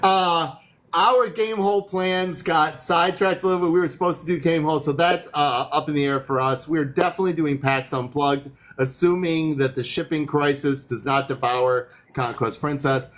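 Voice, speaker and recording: A man's voice: a little high, fairly even intonation, moderate pace, a bit bright. A man hosting a livestream, chatting casually in a loose, easygoing way, with many fillers and restarts. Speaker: livestream host. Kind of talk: casual chat.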